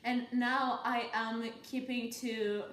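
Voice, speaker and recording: A woman's voice: a little high, flat delivery, slow, fairly bright tone, a little hiss or hum. A woman from Mexico, a playwright and actor, speaking thoughtfully in a documentary interview. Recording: roomy with guitar music. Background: guitar music.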